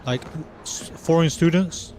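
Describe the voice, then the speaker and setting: A man's voice: on the high side, measured pace, a little mellow, a little hiss or hum. Dutch man chatting on a stream. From Netherlands. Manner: chatty, answers chat and laughs between lines. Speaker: livestreamer. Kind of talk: casual chat while gaming live.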